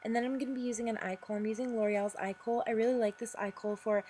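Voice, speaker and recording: A young woman talking casually through her makeup routine in a voice-over, chatty and rambling, with fillers and quick apologies. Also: a little high, flat delivery, dark tone, a little hiss or hum. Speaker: makeup vlogger.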